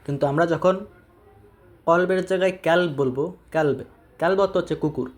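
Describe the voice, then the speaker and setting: Speaking Bengali with a Bangladeshi accent, a Quran reading teacher patiently guides learners step by step through Arabic letter pronunciation, repeating each sound. His voice is a little high and a little fast.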